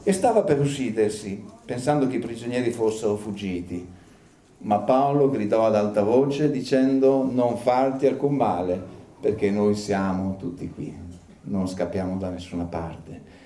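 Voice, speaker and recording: A man preaching a sermon as pastor, rising now and then into loud, high bursts of fervor. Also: measured pace. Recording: echoey room, faint ambience.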